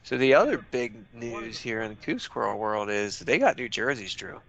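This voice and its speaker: A male sports commentator trading jokes over a live match, chuckling often. His mid-range voice is gravelly, with a bright, forceful edge. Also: mid-range voice, very animated, moderate pace. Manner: joking, chuckling banter.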